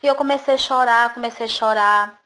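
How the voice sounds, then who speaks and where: A woman's voice: on the high side, fairly even intonation, fairly quick, a little hiss or hum, poor audio. A woman giving an earnest, emotional religious testimony. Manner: earnest, emotional storytelling with tearful pleas to God. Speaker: testimony giver. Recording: voice over loud background music.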